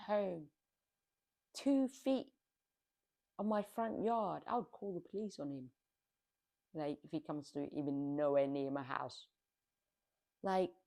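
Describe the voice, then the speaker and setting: A woman's voice: medium pitch, mellow. A woman giving casual, exasperated commentary on a reality TV show, scolding the people on it.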